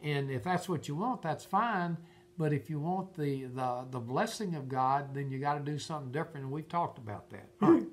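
An older man, around his seventies, gives informal Bible teaching from a furnished room at home. His slightly high voice is expressive and moves at a moderate pace, earnest and emphatic, and he often repeats his phrases.

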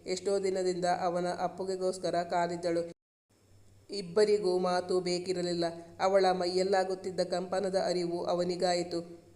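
A man narrating a romantic family story in a steady, scripted storytelling manner. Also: sits high, a little slow.

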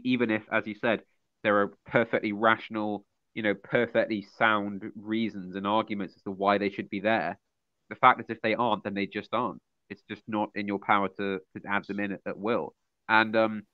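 A man in a casual discussion about art who speaks haltingly, with many fillers and restarts. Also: lowish voice, flat delivery, no echo. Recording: dull lo-fi sound.

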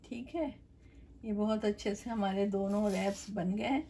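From her home kitchen, a middle-aged woman hosting a cooking show guides her audience through a recipe step by step in a conversational, straightforward manner. She speaks at medium pitch and an unhurried pace, and her tone is dark.

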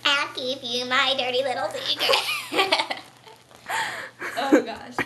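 A woman's voice: high-pitched, fairly even intonation, takes it slowly. A young woman talking on helium, giggly and playful in casual chat. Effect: helium-raised voice. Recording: noisy home video.

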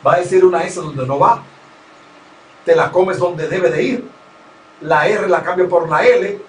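An experienced radio broadcaster with a Dominican accent gives a conversational, instructive interview, lecturing emphatically and repeating his key points. His voice is high and a little slow. The recording is roomy, with a distant mic.

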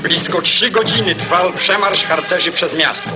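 A man's voice: sits high, normal speed. A man giving formal, solemn scripted narration for an old newsreel, in an official tone. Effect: old newsreel sound. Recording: dull lo-fi 1940s newsreel soundtrack with music.

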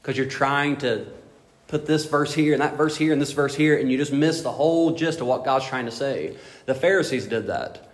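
A man's voice: medium pitch, normal speed. A man preaching a sermon as pastor, emphatic and full of rhetorical questions. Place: church sanctuary. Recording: echoey hall reverb.

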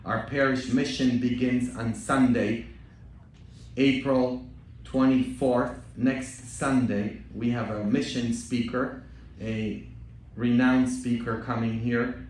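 Priest in an echoey church. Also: male voice, medium pitch, far from the mic. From Poland. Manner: joking, bantering with the congregation, rising to loud exhortation. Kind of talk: Easter homily and parish announcements. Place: large church.

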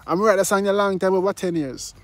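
This man's high voice is brisk with fairly even intonation as he chats casually about a song while music plays. His speech carries Jamaican-style patois phrasing, and now and then he joins in singing.

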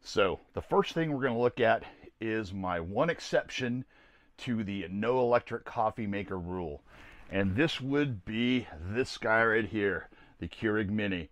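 Speaking from inside a small camper trailer, the roughly sixty-year-old American host of a camping gear series reviews a product to camera in a folksy, rambling, plainspoken manner. His fairly low voice is animated yet measured, with no room sound.

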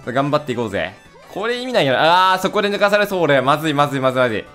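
A young man giving casual, excitable let's-play commentary, blurting quick reactions and rough, playful jabs. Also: a little high, faint music behind. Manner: rough casual talk, playful mock scolding. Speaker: gaming video host.

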